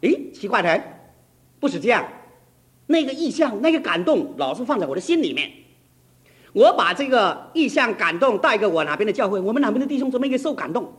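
A man's voice: high-pitched, very animated, fairly quick, a bit bright. A middle-aged male pastor preaching a sermon, telling a story with emphatic, urgent build-ups.

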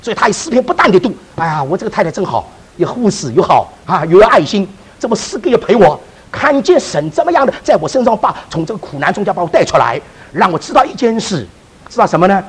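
A man preacher telling a testimony in a sermon, with animated storytelling and frequent restarts. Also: high voice, quick pace, breathy edge, rough recording.

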